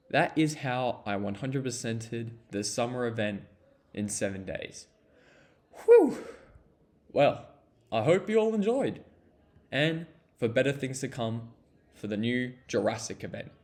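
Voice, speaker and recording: A man's voice: medium pitch, a little slow. Male creator, plain mid voice, loose jokey outro. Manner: relaxed, jokey sign-off. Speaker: gaming video creator. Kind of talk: casual video outro.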